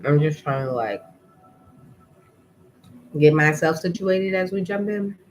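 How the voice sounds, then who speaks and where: A woman vlogging in a relaxed, rambling way, often interrupting herself and sounding a bit drowsy. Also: low voice, takes it slowly, noisy background. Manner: chatty, rambling, self-interrupting; drowsy, easygoing. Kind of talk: casual spiritual vlog chat.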